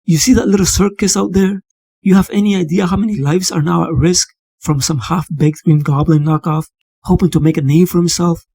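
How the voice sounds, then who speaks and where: A man's voice: a little high, fairly even intonation, fairly quick, vocal fry, dark tone, husky, no echo. A man voicing a hospital boss who scolds and threatens in a stern way.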